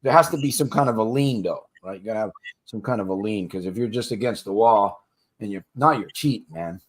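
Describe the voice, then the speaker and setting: A man's voice: on the low side, fairly quick. A man hosting a casual livestream for gamblers in recovery, plain-spoken and slangy, coaching listeners directly and laughing easily between points. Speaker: podcast host for gamblers in recovery.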